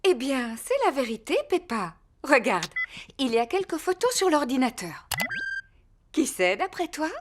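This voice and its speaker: A woman voicing a sensible, affectionate pig mother in a children's cartoon, explaining gently and patiently. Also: high voice, sing-song, a little slow, background noise. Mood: fond, patient.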